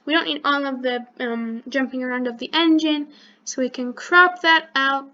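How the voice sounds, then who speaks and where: A woman's voice: high-pitched, moderate pace, pushed and bright, lo-fi sound, a little hiss or hum. A woman hosting a coding tutorial who thinks aloud step by step and corrects herself as she clicks through the program. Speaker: channel host teaching coding. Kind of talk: screen-recorded coding tutorial.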